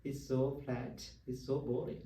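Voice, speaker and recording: A man's voice: medium pitch, little pitch movement, a little slow, warm tone. A man, a Buddhist monk teacher, telling personal stories in a dharma talk with a chuckle and simple, broken English. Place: retreat meditation hall. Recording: roomy echo, distant mic, faint hiss.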